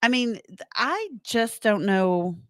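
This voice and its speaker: A woman's voice: medium pitch, sing-song, slow, a bit bright, no room sound, clean studio sound. A woman co-hosting a talk show, chatting casually and retelling things conversationally, often acting out who said what. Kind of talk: casual chat, storytelling.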